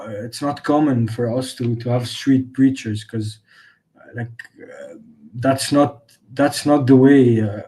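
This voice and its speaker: A young man in a casual panel discussion, talking hesitantly with many pauses and restarts. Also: mid-range voice, dark tone, rough recording.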